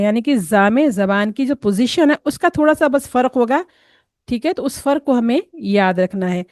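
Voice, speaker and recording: A woman teaching tajweed pronunciation. She explains patiently, step by step, models each sound slowly, and mixes English words into her teaching. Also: medium pitch, darkish tone, no room sound, clean studio sound. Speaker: Quran recitation teacher.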